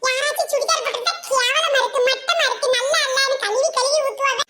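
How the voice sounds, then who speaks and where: A performer doing a shrill, excitable cartoon village woman. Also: quick pace. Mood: excited gossip. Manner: dramatic, wailing, giggly. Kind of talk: cartoon comedy voice acting. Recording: loud background noise.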